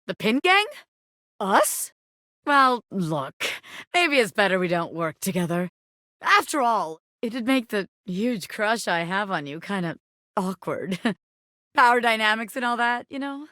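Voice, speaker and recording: Bright, swaggering wannabe crime boss Bobby Pin. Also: female voice, medium pitch, big pitch swings, a little slow, no room sound, clean studio sound. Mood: amazed, excited. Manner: streetwise, swaggering, slangy tough talk. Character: scrappy living bobby pin, brash wannabe crime boss with showbiz dreams. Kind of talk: video game character dialogue.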